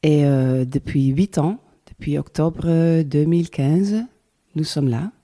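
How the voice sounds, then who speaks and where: Woman, middle-aged, Dutch accent, Dutch native speaker, very low voice, hesitant, lots of fillers. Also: slow pace, dark tone. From Netherlands. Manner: hesitant, searching for words with many fillers. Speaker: guest. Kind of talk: casual interview chat.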